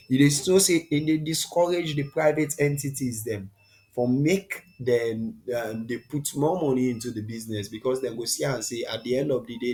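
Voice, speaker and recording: A man presents an informal lesson as an online teacher. He has a Sierra Leonean accent and speaks a West African, Krio-style pidgin English. His voice sits at a middling male pitch. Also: a little mellow, rough recording.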